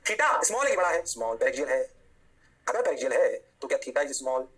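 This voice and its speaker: A man teaching a physics lecture, energetic and coaxing, constantly firing rhetorical questions at his students. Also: mid-range voice, a little fast. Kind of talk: classroom lecture.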